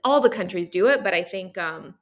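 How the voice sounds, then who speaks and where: A woman's voice: on the low side, lively intonation, fairly quick. A woman speaking as a guest in a casual conversation, reflective and heavy on fillers like "um" and "like".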